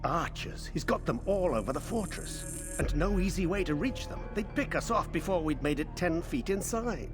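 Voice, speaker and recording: A man's voice: high-pitched, lively intonation, moderate pace, over music. A man playing a grim, dutiful scout giving a report in a video game. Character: grim, dutiful male scout reporting to his brother-in-arms. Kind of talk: video game character acting.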